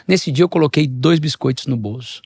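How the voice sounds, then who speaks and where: A man's voice: brisk, creaky, husky, no echo, studio quality. A middle-aged man, a pastor, telling a personal story, acting out the dialogue. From Brazil. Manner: animated storyteller, shifts pitch and level, acts out dialogue. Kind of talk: storytelling in a podcast interview.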